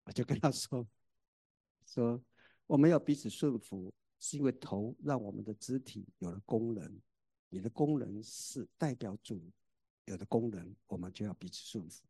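A middle-aged father giving a sermon-style testimony about his family, telling it in an animated way that swings between loud and soft. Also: lowish voice, normal speed, breathy edge, dry recording.

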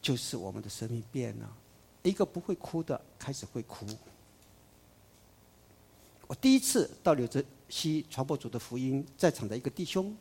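A man preaching a sermon, emphatic, swinging between loud declarations and soft asides. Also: mid-range voice, breathy edge.

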